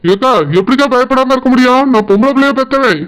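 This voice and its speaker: A performer voicing an angry village father in a cartoon, speaking with a Tirunelveli Tamil accent and accusing and complaining forcefully. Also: high voice, fast talker, smooth, lightly acted, poor audio. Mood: distressed. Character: angry village father, the woman's brother-in-law. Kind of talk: cartoon voice acting.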